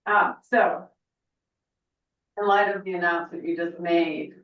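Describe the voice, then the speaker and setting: A woman's voice: on the low side, steady tone, measured pace. Woman, public commenter, blunt pressing tone, far from mic, thin phone-like sound, room echo. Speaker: resident giving public comment. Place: town meeting room, audience area. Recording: distant, thin and echoey.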